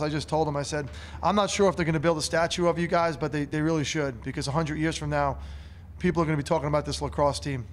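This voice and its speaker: A man's voice: a little high, slight background noise. A man in his thirties, a head coach at a postgame press conference, talking earnestly and emotionally and often repeating words, into a table microphone in a press room. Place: press room in front of a curtain. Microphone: table mic on a stand.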